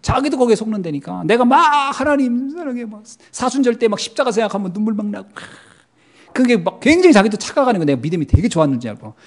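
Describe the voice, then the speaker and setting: A man preaching a sermon, who swings between loud emphasis and hushed asides and acts out the quoted dialogue. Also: high-pitched. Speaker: pastor.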